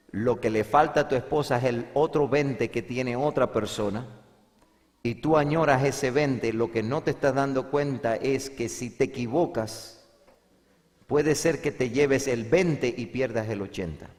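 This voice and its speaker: Male pastor, sermon, emphatic, loud then hushed, repeats himself, mid pitch, long hall reverb. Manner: emphatic preaching, swings between loud and hushed.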